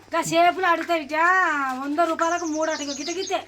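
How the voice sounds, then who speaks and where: A woman's voice: very high voice, fairly even intonation, fast. An older woman, chatting matter-of-factly with family at home. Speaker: family member, aunt. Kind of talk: casual family chat. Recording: loud background noise.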